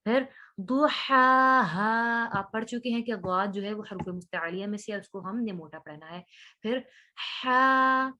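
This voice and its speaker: A woman teaching Quran recitation in an online lesson. She patiently corrects pronunciation sound by sound, drawing out recited words slowly before explaining them. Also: mid-range voice, fairly bright tone, highs cut off.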